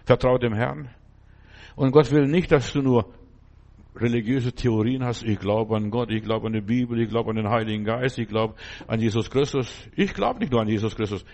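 A man's voice: mid-range voice, a little mellow. A man preaching a fervent sermon, exhorting his listeners with repeated phrases and frequent "you understand?" asides.

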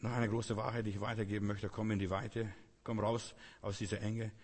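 A man preaches with emphatic repetition, now and then acting out complaining voices, and the long reverb of a hall surrounds him. His fairly low voice is level in tone, brisk, and edged with breathiness.

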